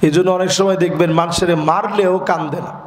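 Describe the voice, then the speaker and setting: A man preaching a sermon, moving between sung chanting and shouted peaks. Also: high-pitched, fairly even intonation, brisk. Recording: echoey open-air PA sound.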